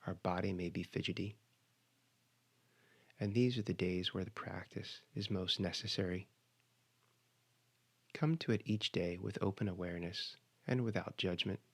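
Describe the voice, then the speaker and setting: A low-pitched man guides a meditation, offering measured instructional cues with pauses between phrases.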